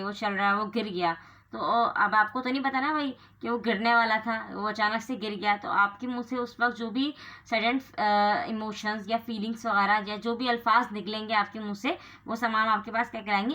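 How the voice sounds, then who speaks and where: A woman's voice: on the high side, pushed and bright. A young woman teaching English grammar in a lecture, asking rhetorical questions and answering them herself, with English terms mixed into her explanations. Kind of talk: classroom lecture.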